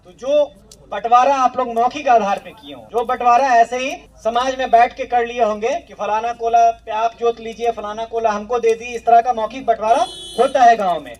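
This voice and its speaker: A man with a very high voice explains official procedure in a plain, instructive way, going back over his key points. He sounds set back from the microphone, a little distant. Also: steady tone, normal speed. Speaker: land revenue official explaining survey rules. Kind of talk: explanatory talk to villagers.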